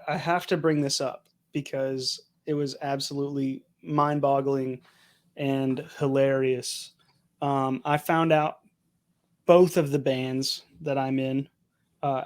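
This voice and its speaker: A young man co-hosting a podcast, chatting casually and rambling with lots of "like". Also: mid-range voice. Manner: rambling, uses "like" a lot. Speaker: podcast co-host. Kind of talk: casual chat.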